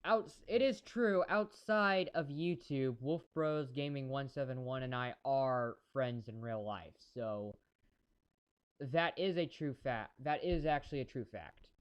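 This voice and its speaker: A man's voice: medium pitch, unhurried, clean tone, low-quality recording. A man giving casual live-stream commentary on a race, chatty and rambling, talking to his chat viewers.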